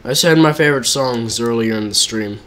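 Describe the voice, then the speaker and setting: A man's voice: mid-range voice, a little fast, a bit bright. A man casually chatting to his viewers while live-streaming a video game, reacting to the action as he plays.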